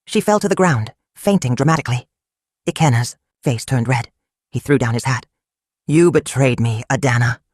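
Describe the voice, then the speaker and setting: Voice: medium pitch, animated, a little fast, a little mellow, no room sound, studio quality. A storyteller narrating a folktale in short, simple, clipped sentences.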